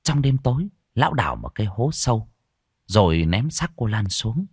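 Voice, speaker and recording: A man narrating a ghost story theatrically, moving from hushed to urgent. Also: lowish voice, sing-song, moderate pace, slightly rough, dry recording, studio quality. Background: faint music.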